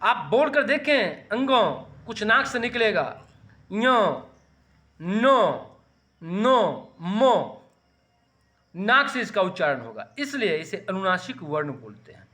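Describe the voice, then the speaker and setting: A man teaching a grammar lesson, slowly sounding out letters and urging students to practise saying them. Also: high voice, very animated, pushed and bright. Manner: slow, deliberate, sounding out letters for students to repeat.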